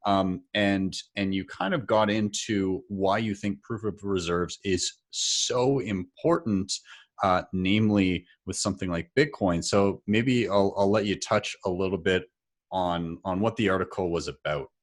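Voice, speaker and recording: A man's voice: low voice, unhurried. A man in his thirties hosting an interview, upbeat and conversational, speaking from a home office into a studio mic. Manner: upbeat, conversational, with filler words. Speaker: podcast host. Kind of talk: casual interview. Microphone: studio mic with headphones.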